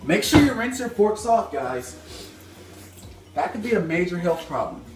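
In a home kitchen, a young man hosts a mock-serious cooking video, playing the expert and joking with viewers as he moves around the stove. His high-pitched voice swings widely at a normal speed, with loud music behind it. A phone camera on a stand several feet away picks up the echoey room.

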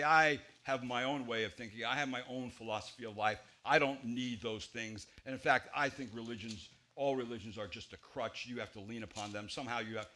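A man in his forties, a pastor preaching an expository sermon in a church, with emphatic stresses and quiet low drops. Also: a little hiss or hum. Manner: emphatic, gesturing widely, swings between loud stresses and quiet low drops. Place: church sanctuary at a pulpit.

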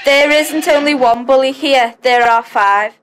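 Woman playing a slow, menacing theatrical ghost horseman villain. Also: high voice, very noisy. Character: headless horseman ghost, vengeful scourge of bullies. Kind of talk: scripted amateur drama.

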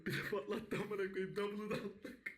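A man streaming live blackjack, talking to his chat, swearing a lot and breaking into excited shouts. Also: high-pitched, moderate pace, slight background noise. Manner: profane, bursts into excited shouting.

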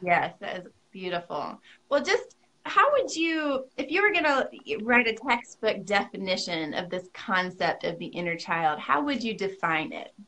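A woman's voice: medium pitch, very animated, normal speed, pushed and bright, rough recording. Enthusiastic woman hosting a video interview. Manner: enthusiastic, effusive, laughs often. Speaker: workshop host, interviewer. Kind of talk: casual interview talk. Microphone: video call.

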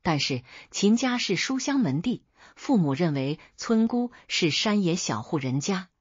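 A woman narrating folk tales as a storyteller, in a steady, even reading. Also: on the low side, breathy edge, dry recording. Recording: dull dry recording.

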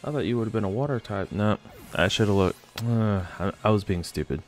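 A man's voice: fairly low pitch, brisk, a little mellow. A man giving casual Let's Play commentary as a gaming YouTuber, chatting to the game and its creatures as he plays. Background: faint game music.

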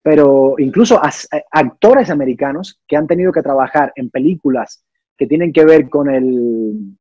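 A young man from Cuba speaks in a casual interview. His voice is dark and husky, and he explains his ideas thoughtfully, with many restarts. The sound is dry and a little dull. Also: fairly high pitch, normal speed, no room sound. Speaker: actor and singer, interview guest.

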